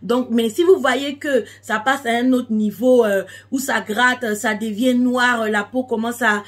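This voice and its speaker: A woman's voice: fairly high pitch, steady tone, a little slow. A woman speaking a language that is not her first, chatting casually to followers as a beauty tips vlogger, explaining things with emphatic repetition. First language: not French.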